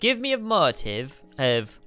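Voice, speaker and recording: A man's voice: a little high, wildly swooping pitch, measured pace, sharp tone, smooth, no echo, soft background music. A young man co-hosting a gaming video, teasing and skeptical in a dry way. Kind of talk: casual banter while gaming.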